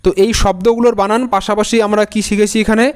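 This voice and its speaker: A male teacher gives a patient spelling lesson, spelling words out letter by letter and saying each one several times over. His voice sits high and sounds smooth and resonant. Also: little pitch movement, quick pace. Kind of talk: Bengali-language spelling lesson.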